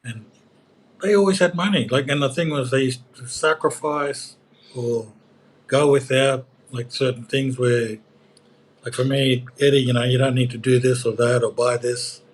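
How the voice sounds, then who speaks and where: A man's voice: medium pitch, fairly even intonation, moderate pace. A man with an Australian accent co-hosting, speaking earnestly and with emphasis in colloquial talk. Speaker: co-host. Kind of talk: casual yarn.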